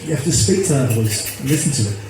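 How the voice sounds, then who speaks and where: Over music, a man in his fifties speaks fast and animatedly in a medium pitch. He's an activist in a casual interview, earnest yet rambling and repetitive, and the phone recording is noisy and echoey.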